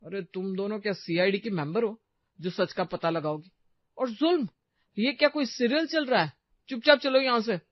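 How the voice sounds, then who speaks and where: A woman's voice: mid-range voice, normal speed, no room sound, dull audio, lightly acted. A woman voicing an adult husband in a cartoon story, sarcastic and fed up with scolding. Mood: exasperated. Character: adult male husband, short-tempered, sarcastic.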